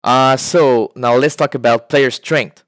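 A man's voice: medium pitch, unhurried, dry recording. Man, game dev demoing his prototype, easygoing, fills gaps with "uh", dry close recording. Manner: relaxed, with frequent "uh" fillers. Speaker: indie game developer. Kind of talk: casual gameplay walkthrough.

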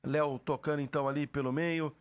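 A Brazilian man doing explosive football goal commentary, excited, with drawn-out shouted calls. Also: fairly high pitch.

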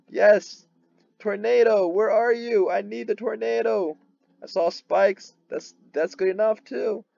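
A man's voice: high-pitched, gravelly, a little mellow, no echo, muffled recording. A man hosting his own gaming channel, commenting on his gameplay with eager energy and repeating words when thrilled. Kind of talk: excited game commentary.

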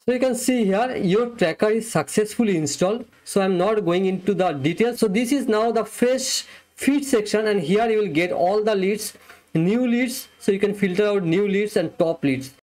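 A young man with a high voice, speaking at a moderate pace, gives a plain, step-by-step screen-recorded software review and demo. He talks close to a webcam mic in a small room.

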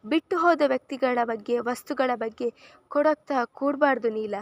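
A woman's voice: high-pitched, normal speed, dry recording, dull audio, close to an everyday voice. A woman voicing a middle-aged father who speaks coldly and tersely about his estranged daughter. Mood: stern. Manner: flat, clipped. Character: stern middle-aged father, hurt and cold.

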